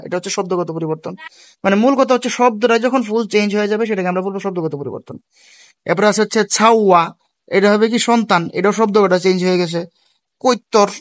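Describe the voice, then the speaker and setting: High-voiced man teaching step by step. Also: no echo. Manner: explains step by step, asking and answering his own questions; casual speech with regional forms and English words mixed in. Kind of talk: tutorial lesson.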